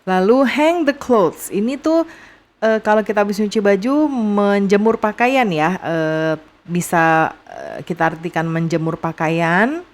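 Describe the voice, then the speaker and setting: A young woman with an Indonesian accent teaching vocabulary to young students, repeating each phrase slowly and patiently. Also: medium pitch. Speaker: English teacher.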